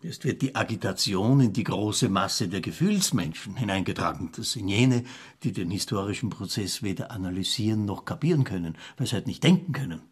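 Radio play: a preachy journalist, husky and low. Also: male voice, animated, brisk. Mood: lecturing. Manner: indignant, lecturing. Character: pompous male journalist, opinionated and moralizing.

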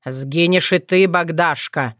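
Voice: medium pitch, steady tone, takes it slowly, a bit bright, smooth, no room sound, studio quality. A reader voicing a spiteful, half-mad old male forest spirit who snarls and gloats. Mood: gloating.

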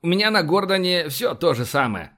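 A gruff, impatient starship commander, as a male audiobook reader puts him on, pitched a little higher and louder than the reader's own voice. He barks brusque orders in this science-fiction audiobook. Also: big pitch swings, brisk, exaggerated voice.

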